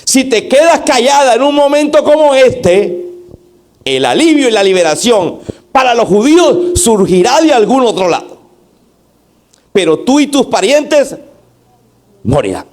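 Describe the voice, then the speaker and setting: A man's voice: fairly high pitch, sing-song, normal speed, long pauses, a little mellow. A pastor acting out a stern, reproachful man in a raised, scolding voice while reading scripture aloud.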